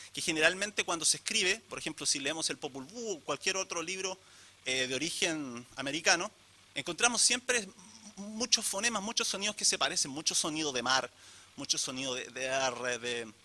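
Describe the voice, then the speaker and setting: A man's voice: sits high, pushed and bright. A man giving an academic lecture to a live audience, asking rhetorical questions and turning to the listeners. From Chile. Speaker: conference speaker.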